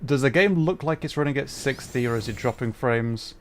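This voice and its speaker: Brisk and lively in intonation, this man's medium-pitched voice carries over slight background noise. He's a video game livestream host chatting casually as he troubleshoots, flustered, apologetic and self-deprecating.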